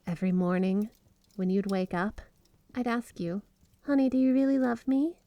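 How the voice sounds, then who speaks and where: In an ASMR roleplay, a woman plays a flirty, obsessively devoted yandere wife, addressing the listener as her spouse with sweet, clingy, gushing affection and breathy giggles. Her mood is tender and needy, and the acting is light. Her mid-range voice is warm and moderately paced, captured dry on a close studio microphone with no echo.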